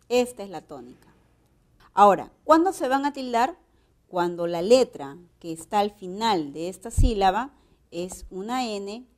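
Slow-paced Peruvian woman teaching grammar. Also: mid-range voice, a little mellow. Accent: Peruvian Spanish. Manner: slow and explanatory, checks with rhetorical questions. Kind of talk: grammar lesson.

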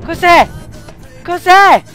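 A young male gamer commenting on a game in a panicky, shrieking way, yelling words over and over. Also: very high-pitched, lively intonation, extremely slow. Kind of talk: frantic gameplay commentary. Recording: game music behind.

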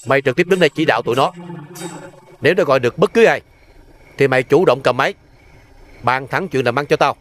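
An actor playing a scheming male gang boss who gives gruff, cool orders. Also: mid-range voice, fast talker, long pauses, slight background noise, close to an everyday voice. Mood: commanding. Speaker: gang leader. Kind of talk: crime drama acting.

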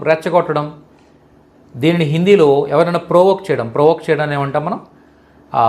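A man teaching Hindi vocabulary, slowly repeating each word and checking that the listener understands. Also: on the high side. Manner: slow, repetitive, checks understanding with questions. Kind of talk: vocabulary lesson explained in Telugu.

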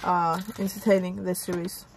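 A woman's voice: fairly low pitch, little pitch movement, normal speed. Casual woman hosting a food vlog. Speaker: mukbang channel host. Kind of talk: casual chat while eating.

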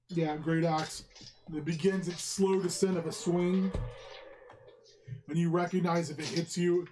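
A man's voice: a little high, a little mellow, low-quality recording. A man running a tabletop roleplaying game as dungeon master, telling the action in vivid descriptive detail among friends. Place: small room around a crowded table.

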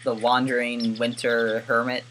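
Man, gameplay commentary, wry rambling asides, bright tone, faint background hiss. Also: mid-range voice, completely flat delivery, measured pace. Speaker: gaming YouTuber.

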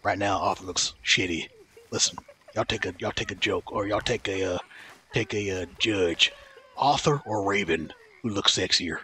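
A man's voice: lowish voice, normal speed, pushed and bright, a little hiss or hum. A Texan man chatting loosely and joking while streaming a game, reading viewers' chat aloud. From Texas.

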